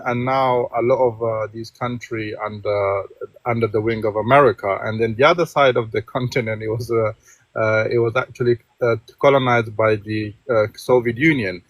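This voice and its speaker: Rambling caller from Afghanistan, dry sound. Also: male voice, mid-range voice, no room sound, rough recording. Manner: rambling, many fillers and restarts. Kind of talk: phoned-in opinion on a live stream.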